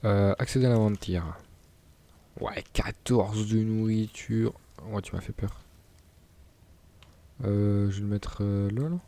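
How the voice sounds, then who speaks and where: Young gamer guy, lowish mellow voice, relaxed chatty commentary with laughs. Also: takes it slowly, pauses often. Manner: chatty, laughs and stumbles over words. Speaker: gaming YouTuber. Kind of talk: casual gameplay commentary.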